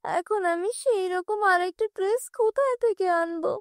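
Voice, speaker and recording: Woman acting gentle downtrodden girl, very high voice, plaintive, dreamy, cartoon fairy tale, dry sound. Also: moderate pace, no echo. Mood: distressed. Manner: pleading, plaintive. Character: gentle, downtrodden young stepdaughter, dreamy and pleading.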